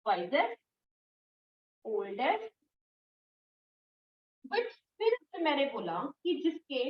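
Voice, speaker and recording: A woman's voice: high voice, echoey room, distant mic. Woman teacher, patient drilling, dull lo-fi sound, faint background hiss. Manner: patient, repeats and drills words slowly; firm when scolding students. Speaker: English teacher. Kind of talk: online class lecture.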